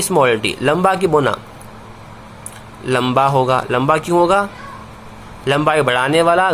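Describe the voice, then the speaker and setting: A man teaching a science lesson to students, asking questions and answering them himself, repeating key words and slowing down on the answers. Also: a little high, fairly bright tone, slight background noise. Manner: calls students "bhai", slows down on key answers. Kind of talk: classroom-style video lesson.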